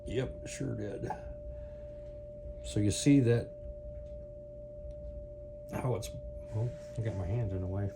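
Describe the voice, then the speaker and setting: With a fairly low pitch, he takes it slowly and leaves long pauses while casually demoing a product off the cuff, wandering and thinking out loud. He hosts a product review video, recorded clearly over a steady hum and background noise.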